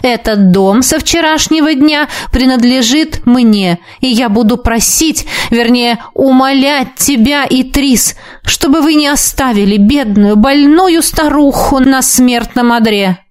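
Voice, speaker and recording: A woman reading an audiobook, voicing a gentle, sly elderly aunt who talks in a soothing, coaxing way. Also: fairly high pitch, a little slow, few pauses, voice pushed up, natural voice.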